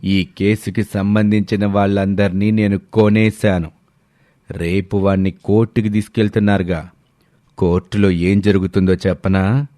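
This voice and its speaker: A ruthless uncle who will do anything for money, played by a man, with a low, dark voice that threatens coldly. The storybook reading is recorded dry and close. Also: little pitch movement, normal speed, dry recording, lightly acted. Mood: menacing. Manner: cold, threatening. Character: ruthless greedy middle-aged male villain uncle. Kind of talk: storybook voice acting.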